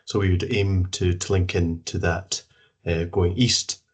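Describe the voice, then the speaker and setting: Low, even-toned, slightly husky man. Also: a little slow. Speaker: project team member. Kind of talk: formal meeting explanation.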